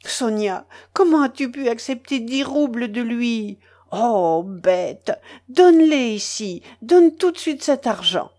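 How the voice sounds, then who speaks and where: A woman's voice: on the high side, slow pace, darkish tone. A woman voicing a frantic, consumptive mother who rails shrilly and scornfully in an audiobook scene. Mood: furious. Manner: shrieking, scornful tirade.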